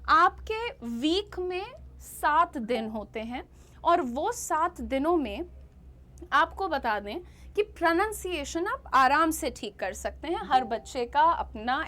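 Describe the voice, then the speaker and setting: High-pitched Indian woman teaching pronunciation. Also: big pitch swings, pushed and bright. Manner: slow, drawn-out model words. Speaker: English teacher. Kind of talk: pronunciation lesson.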